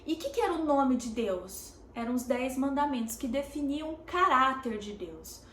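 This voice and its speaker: Brazilian woman pastor, high bright voice, halting and emphatic sermon delivery, roomy echo. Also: expressive. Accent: Brazilian Portuguese. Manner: deliberate, halting, with many pauses and "é" fillers. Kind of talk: sermon, streamed teaching. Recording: roomy echo with faint background noise.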